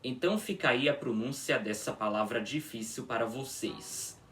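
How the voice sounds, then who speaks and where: A man teaching a pronunciation lesson, demonstrating each sound slowly and checking in with his students. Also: mid-range voice, expressive, fairly bright tone, distant mic, slight background noise. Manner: drawn-out patient demonstrations, frequent "tá?" checks. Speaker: language teacher.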